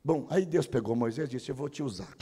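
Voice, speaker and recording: A Brazilian man preaching a sermon as pastor, animated and humorous, acting out the prayers of churchgoers. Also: mid-range voice, brisk, husky. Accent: Brazilian Portuguese. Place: church hall. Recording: long church-hall reverb.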